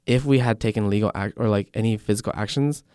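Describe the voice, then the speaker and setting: Man, casual chat, measured explainer, smooth voice, fairly low, dry close sound. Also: darkish tone, no echo. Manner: measured, explains his reasoning.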